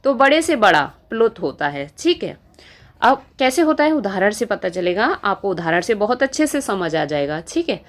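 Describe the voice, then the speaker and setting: A woman teaching Hindi grammar in a lesson video, explaining slowly, repeating key terms and asking rhetorical questions. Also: medium pitch, big pitch swings. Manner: slow, repetitive explaining with frequent rhetorical questions.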